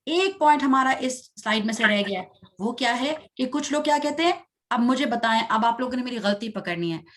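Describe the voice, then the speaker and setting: A woman leads a children's tajweed class, her voice sitting a little high for a woman. She draws each Arabic syllable out slowly for pupils to echo. Between recitations she asks short questions and offers patient encouragement. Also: lively intonation, fairly bright tone, a little hiss or hum. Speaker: Quran recitation teacher.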